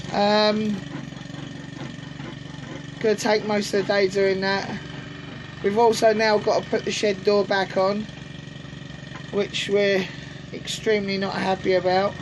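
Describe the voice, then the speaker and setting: A woman vlogs from her allotment greenhouse outdoors, giving a casual, rambling walk-through full of ums to a tripod-mounted camera. Her mid-range voice is gruff because of a sore throat. Traffic and lawnmowers can be heard in the background.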